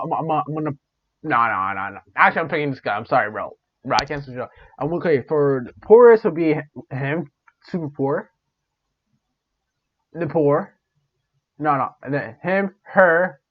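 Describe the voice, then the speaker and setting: A man reacting on camera in blunt, slangy casual talk, thinking out loud as he goes. His pitch jumps around a lot. The sound is dull and lo-fi. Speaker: reaction video host.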